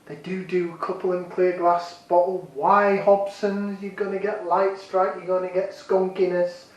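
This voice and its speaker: Man, jokey beer reviewer, high-pitched, sounds set back from the mic. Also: flat delivery, normal speed, heavy reverb, far from the mic, highs cut off. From Yorkshire, England. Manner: chatty, jokey, self-deprecating. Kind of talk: casual vlog review.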